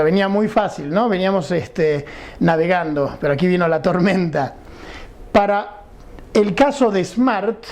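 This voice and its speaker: A man's voice: high-pitched, a little mellow. Man, English teacher, patient, explanatory, rhetorical questions. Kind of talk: recorded video lesson.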